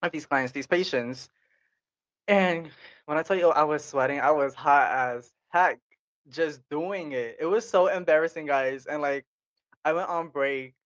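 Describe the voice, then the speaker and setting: A man's voice: fairly high pitch, measured pace, fairly bright tone. A young man, a podcast co-host, telling an embarrassing story in casual chat and laughing often. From Cambodian heritage, United States.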